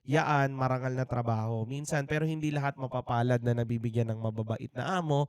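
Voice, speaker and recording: Earnest Filipino man, smooth clear voice. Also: medium pitch, fairly even intonation, a little fast, darkish tone, dry recording, studio quality. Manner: earnest, reflective, with frequent restarts and fillers. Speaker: podcast co-host. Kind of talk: candid faith testimony, mixing Tagalog and English. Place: indoor podcast studio.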